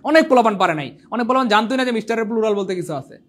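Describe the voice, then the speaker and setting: A young man who teaches an exam prep lecture in an animated, teasing way, repeating points and quizzing his viewers. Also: sits high, rapid-fire, slight background noise. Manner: animated, repetitive, teasing, asks the viewers questions. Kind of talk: online lecture.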